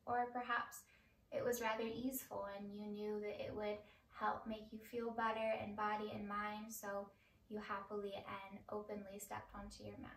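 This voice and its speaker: A middle-aged woman teaching a guided yoga class in a slow, measured, calming manner. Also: medium pitch, slight background noise. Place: indoor home room, on a mat. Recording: roomy, distant microphone.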